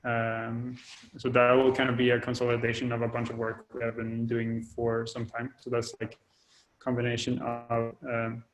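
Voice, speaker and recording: Flat-voiced man with a halting delivery. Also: medium pitch, low-quality recording. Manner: hesitant, many fillers and restarts. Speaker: developer giving an update. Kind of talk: casual technical update on a video call. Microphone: video call. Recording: call audio breaking up.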